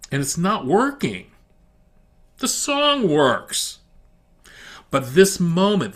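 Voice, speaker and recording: A middle-aged man talks through a song's lyrics on his podcast, reading each line aloud with lively emphasis. He turns critical in quieter asides between the quoted lines. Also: mid-range voice. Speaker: podcast host. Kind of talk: solo analysis of a song's lyrics.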